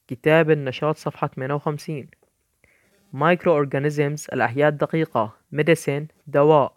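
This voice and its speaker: A man reading English vocabulary words one by one, each followed by its Arabic translation, in a slow, deliberate dictating manner. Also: a little high, dry recording. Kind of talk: vocabulary list read aloud with Arabic translations.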